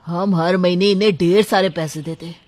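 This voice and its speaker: A woman's voice: lowish voice, steady tone, moderate pace, a little mellow, dry recording, natural voice. A woman plays an irritated young husband in a cartoon, snapping and complaining. The voice sounds dry and close to the mic. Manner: angry, complaining. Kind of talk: cartoon voice acting.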